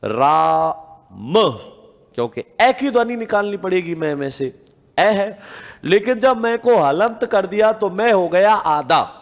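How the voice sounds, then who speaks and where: A man's voice: high-pitched, animated, normal speed, long reverb tail. A man teaching a grammar lesson. He asks the class questions, answers them himself, and stretches out sounds to demonstrate them.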